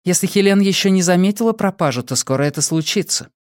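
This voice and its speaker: A man voicing a young female thief who gives sharp, urgent commands in an audiobook. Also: fairly low pitch, fast talker, dry recording, clean studio sound, pitched above the performer's own voice, natural voice. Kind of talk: audiobook character voice.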